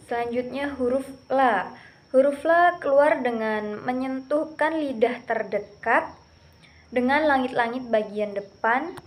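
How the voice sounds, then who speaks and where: A young woman with a high voice gives a recitation lesson at a very slow pace. She explains where each letter is formed, then drills the example syllables carefully. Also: a little hiss or hum. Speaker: Quran recitation student.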